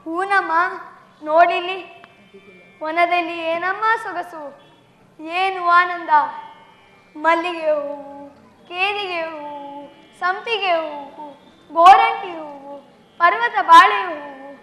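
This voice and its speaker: A woman's voice: very high-pitched, slow pace, long pauses, bright, forceful tone, exaggerated voice. A woman playing the timid young boy Gopala in a stage play, speaking in an earnest, childlike, pleading way. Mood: eager. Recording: echoey hall with music.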